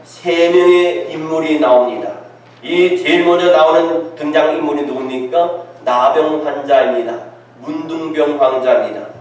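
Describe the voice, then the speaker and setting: Male pastor, higher-pitched, delivering a sermon from a distant mic in a very echoey church hall. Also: moderate pace. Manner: asks the congregation rhetorical questions. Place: church sanctuary.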